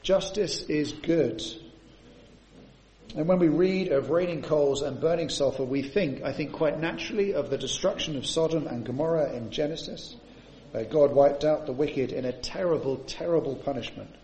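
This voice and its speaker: A man's voice: fairly high pitch, normal speed, mellow, echoey room, slight background noise. A man preaching a sermon to his congregation, often adding rhetorical tag questions.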